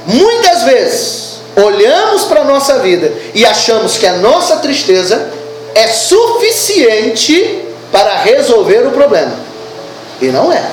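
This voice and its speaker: A woman preaching a sermon at a church service, animated and asking the congregation questions. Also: high-pitched, reverberant, a little hiss or hum, low-quality recording.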